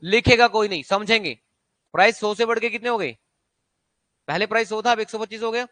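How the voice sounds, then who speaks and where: Male maths teacher, exam coaching; high, bright voice, dry close sound, drills students with quick check-questions. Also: no echo. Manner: quizzing students with repeated rhetorical questions. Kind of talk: exam-prep maths lesson.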